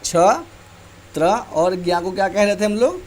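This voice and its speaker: A male teacher giving a slow, deliberate grammar lesson, reciting letters one by one. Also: sits high, darkish tone, a little hiss or hum.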